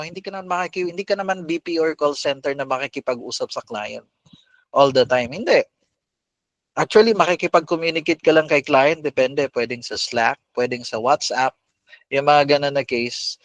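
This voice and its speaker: Male podcast host, lively coach, fairly high voice, dry booth sound. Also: moderate pace, no echo. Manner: animated, mixes Tagalog and English, addresses listeners as boss. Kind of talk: casual coaching talk to listeners.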